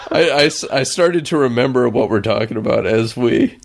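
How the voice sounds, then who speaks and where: A man's voice: mid-range voice, moderate pace, vocal fry. A man reminiscing eagerly about an old stage production in casual podcast chat, rambling with many restarts. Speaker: podcast co-host.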